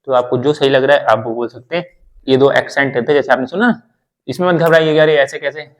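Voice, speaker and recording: A man's voice: medium pitch, steady tone, fast talker, low-quality recording. Man explaining English tenses, repetitive. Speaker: English teacher. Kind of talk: classroom grammar lesson.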